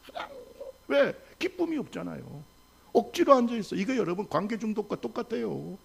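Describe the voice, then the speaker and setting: A male pastor preaching a sermon to his congregation, with call-and-response and rhetorical questions, swinging from loud exhortation to soft asides. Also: high-pitched, very animated, fairly quick, gravelly, slightly rough. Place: church sanctuary.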